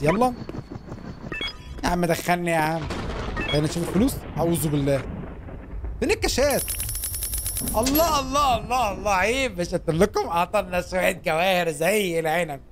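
Young man, Egyptian accent, gaming commentary, fast, animated pitch, playful slang. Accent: Egyptian Arabic. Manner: excitable, playful, jokey street slang, cries out when startled. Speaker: gaming YouTuber. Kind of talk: lively gameplay commentary. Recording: clear background noise.

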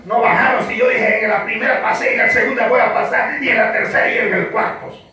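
A man with a Panamanian Spanish accent preaching a sermon, telling a story and breaking into fervent shouted refrains. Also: very high voice, steady tone, fairly quick. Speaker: pastor. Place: large echoey church. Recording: echoey church hall, distant mic, music.

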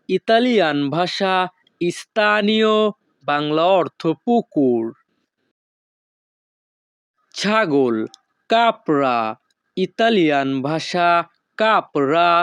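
A man teaching vocabulary in a slow, repetitive drill, saying each word and then its meaning. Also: on the high side, lively intonation, smooth, dry recording. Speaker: language teacher.

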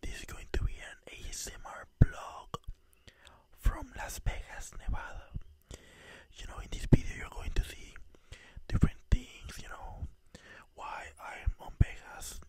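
Man whispering a travel vlog. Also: a little slow. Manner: soft whispering with frequent "you know" fillers. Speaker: ASMR vlogger. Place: hotel room. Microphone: recorded without the usual ASMR microphone.

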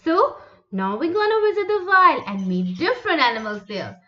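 A woman's voice: high voice, very animated, moderate pace, muffled recording. A woman reading scripted nature documentary narration for children in a presentational, explanatory manner. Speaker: narrator of a children's educational animal video.

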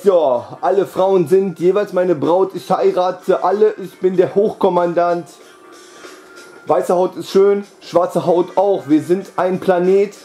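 A man's voice: sits high, dark tone. A man freestyle rapping over a beat in a rambling, boastful chant, looping the same catchphrases again and again. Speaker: amateur rapper. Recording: echoey room with faint music.

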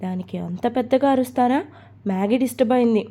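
Storybook wife, young and playful, coaxing and affectionate, read by a woman, warm and mellow. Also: a little high, fast, lightly acted.

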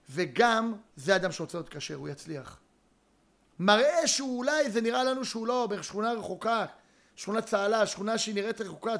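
A man giving a Torah lecture as a rabbi, telling a story with dramatic pauses and sudden emphasis. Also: high-pitched, fairly bright tone.

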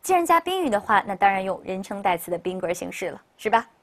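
A woman teacher leads a recorded English vocabulary lesson, explaining in Chinese in a bright, chatty way. She often drops in a cheerful "OK" as she moves on. When she models a word, she stretches it out slowly so learners can repeat after her. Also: medium pitch, very animated. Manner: upbeat, chatty classroom delivery with frequent "OK, 好的".

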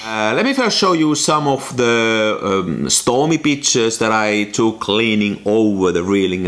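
A man's voice: lowish voice, fairly bright tone. A man narrating his own photography vlog in a casual, explanatory way, walking through camera technique step by step. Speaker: photography vlogger.

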